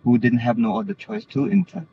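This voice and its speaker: Very animated and brisk, a medium-pitched Danish man speaks as a guest in an earnest interview about religion. Background noise is clear in the muffled, lo-fi audio.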